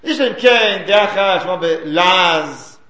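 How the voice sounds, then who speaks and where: A man's voice: high voice, lively intonation, bright, forceful tone, reverberant. A man giving a Talmudic study lecture, explaining sources and chanting the quoted texts.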